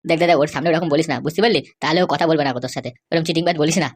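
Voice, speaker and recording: Woman plays a prying young cartoon friend, quick and pushy. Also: deep voice, steady tone, dry recording. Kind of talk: cartoon voice acting.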